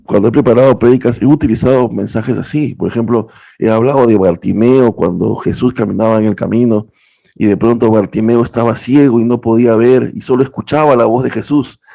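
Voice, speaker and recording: A man's voice: mid-range voice, steady tone, a little fast, vocal fry, mellow. A young man teaching a class on interpreting the Bible, earnest and explanatory, often checking in with a rhetorical question. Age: young adult. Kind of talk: lecture on biblical interpretation.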